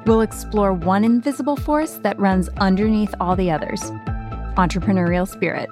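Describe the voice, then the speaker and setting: A woman's voice: medium pitch, normal speed, over music. A woman podcast host delivering scripted narration.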